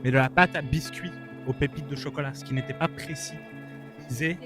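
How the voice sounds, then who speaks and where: Male vlogger, mid-pitched, informal chat delivery, soft guitar music underneath. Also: moderate pace. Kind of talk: casual vlog chat. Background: faint guitar music.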